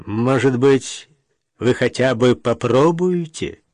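A man puts on a sarcastic, hot-tempered grown son who presses his case hard for an audiobook. He speaks loudly, with a raised, heated pitch. The recording is dry and close. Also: expressive, unhurried, dry recording. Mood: indignant. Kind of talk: audiobook character reading.

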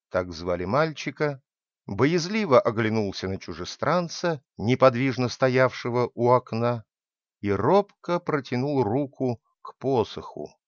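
A man narrating a story in an expressive, measured way. His voice rises and falls freely across a middle pitch. The recording is dry and a bit muffled. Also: dry recording. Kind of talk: storybook reading.

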